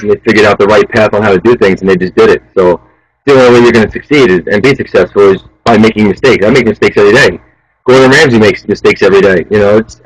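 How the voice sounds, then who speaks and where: A man in his thirties talking as an interview guest, fast and fired up, often tossing in "man". His voice sits low and the sound is dry and close. He pushes listeners to chase what they love. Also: dry recording, low-quality recording. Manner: fast, animated, motivational, says "man" a lot. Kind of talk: casual interview talk.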